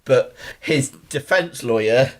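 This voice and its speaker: A man tells a comic anecdote in a casual chat, laughing as he goes. His delivery is relaxed and conversational. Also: medium pitch, slow.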